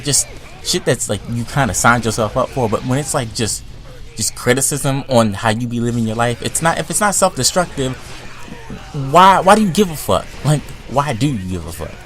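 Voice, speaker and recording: Young male vlogger, animated, heated rant with big swings in loudness, mid pitch. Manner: animated, heated, swings between loud outbursts and low mutters, filler-heavy. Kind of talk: profane comedic rant.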